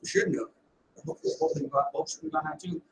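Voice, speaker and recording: A man giving a motivational sales training talk, telling stories with lots of energy and often shouting. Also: fairly high pitch, wildly swooping pitch, rapid-fire, creaky, noisy background. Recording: echoey room, voice from far off.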